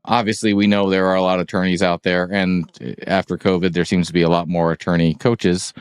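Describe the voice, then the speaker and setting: A man's voice: low voice, flat delivery, brisk, clean tone, no echo, clean studio sound. A man hosting a podcast, interviewing a guest with friendly affirmations and long, rambling questions. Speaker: podcast host.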